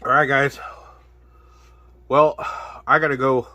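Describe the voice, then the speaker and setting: Man reviewing food on camera, bright tense tone, dry close sound, gasping at spicy bites. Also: mid-range voice, level tone, slow pace, dry recording. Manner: exclaiming between bites, hiccuping from spice. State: mouth burning from spicy food. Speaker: product reviewer. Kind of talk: casual food review vlog.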